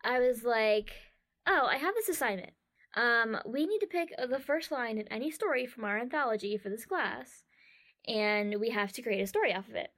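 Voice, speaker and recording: A woman co-hosting a podcast in casual chat, animated and playful, often laughing. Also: fairly high pitch, normal speed. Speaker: podcast co-host.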